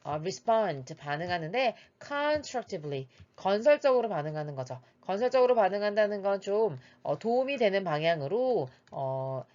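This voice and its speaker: A woman's voice: medium pitch, sing-song, normal speed, hardly any pauses, a little mellow. Methodical female teacher, dull lo-fi audio. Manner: patient, methodical, frequent "uh" fillers. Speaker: English teacher. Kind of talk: explaining exam reading passage. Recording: slightly dull lo-fi recording.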